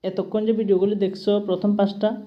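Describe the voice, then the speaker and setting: A woman's voice: medium pitch, little pitch movement, fairly quick, muffled recording. A woman with a Tripura Bengali accent teaching English grammar to students, patiently checking that they follow each step. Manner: patient, keeps checking understanding with "ঠিক আছে?".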